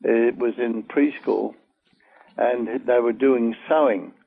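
An older man telling a long personal story in an oral-history interview, halting and full of fillers. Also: medium pitch, vocal fry. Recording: tinny phone-like old recording.

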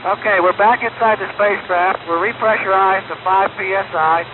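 A man's voice: sits high, fairly even intonation, moderate pace. A man, an astronaut in orbit, talking in clipped radio procedure over a spacecraft radio link from a helmet headset. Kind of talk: terse air-to-ground radio exchange. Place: inside a small spacecraft. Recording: crackly narrowband 1960s radio transmission.

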